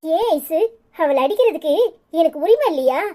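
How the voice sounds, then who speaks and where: A woman's voice: very high-pitched, expressive, moderate pace, mellow. A woman voicing a hot-tempered, anxious young wife in a cartoon, with a Tirunelveli Tamil accent and a scolding, fretful way of talking. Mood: worried.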